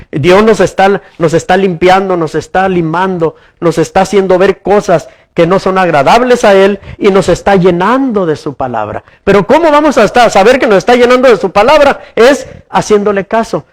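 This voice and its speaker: Male pastor, very high voice, sermon delivery with repeated phrases and questions to the pews. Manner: preaching with rhetorical questions to the congregation, repeating words as he goes. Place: church.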